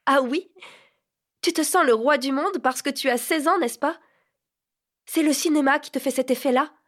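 A woman reading an audiobook, voicing a fifteen-year-old girl who answers with bright, mocking retorts. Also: a little high, unhurried. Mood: teasing, wistful.

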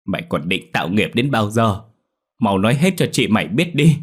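A man voicing a distraught middle-aged mother who scolds in a shrill, urgent voice. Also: sing-song, moderate pace, husky.

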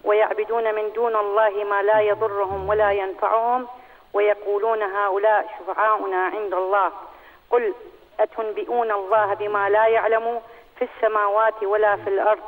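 A woman caller asking a question over the phone, speaking in a halting way and slowing down as she reads verses aloud. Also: medium pitch, level tone. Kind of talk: phoning in a question. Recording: tinny phone line with long hall echo.

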